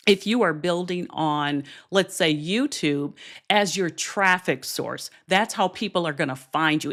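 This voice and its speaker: Encouraging woman coaching on a livestream. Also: fairly low pitch. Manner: encouraging, direct, with restarts and asides to viewers. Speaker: business coach. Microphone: streaming camera setup.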